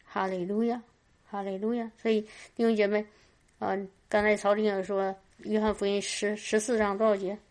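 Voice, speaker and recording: A woman's voice: medium pitch, flat delivery, moderate pace, darkish tone. A woman preaching at a church meeting in a fervent testimony style, often crying out hallelujah and stumbling over repeated words. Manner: stammers and repeats words while talking.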